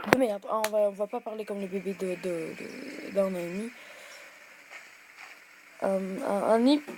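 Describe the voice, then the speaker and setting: A young woman with a high voice talks through a mobile game, rambling and full of hesitations. She gets loud and excited when she wins. Steady background noise sits under the recording. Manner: chatty, rambling, many hesitations. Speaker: gaming video host. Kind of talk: casual mobile game commentary.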